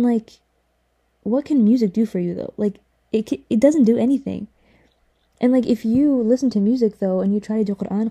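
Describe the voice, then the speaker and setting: A woman's voice: mid-range voice, warm tone, husky. A young woman hosting a casual religious podcast, talking earnestly and full of "like" and "you know". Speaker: podcast host.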